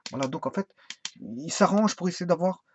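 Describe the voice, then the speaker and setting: A man's voice: high voice, normal speed. Hesitant man rambling through a keyboard tutorial. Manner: rambling, hesitant, many fillers and restarts. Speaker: tutorial presenter. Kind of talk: casual spoken tutorial on laptop keyboards. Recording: dull lo-fi sound with faint hiss.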